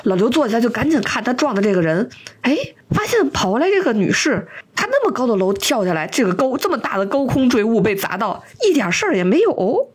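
A woman co-hosting a podcast, retelling a TV plot in casual chat, animated and acting out the quotes as she goes. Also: on the high side, fairly quick, breathy edge. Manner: animated storyteller, acts out quotes, laughs often. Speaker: podcast co-host.

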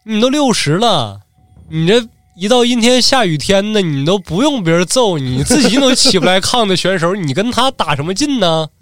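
A man's voice: sing-song, moderate pace, a bit bright, no room sound, studio quality. A man voicing an old samurai's wife who wails and scolds her husband. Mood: scolding. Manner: scolding, shrill and wailing. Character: nagging wife of an old samurai, about sixty.

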